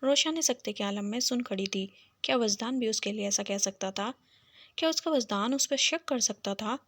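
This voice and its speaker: A woman's voice: fairly high pitch, moderate pace, a bit bright, dry recording, clean studio sound. A woman with a Pakistani Urdu accent reading a romance novel aloud with emotion, giving each character her own tone. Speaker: audiobook narrator.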